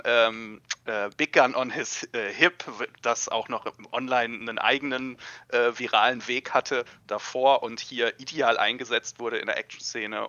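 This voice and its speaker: A man's voice: mid-range voice, pushed and bright, no echo, highs cut off. A man giving a casual review as a panel critic, dropping English phrases into his talk. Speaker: film and series critic on a panel.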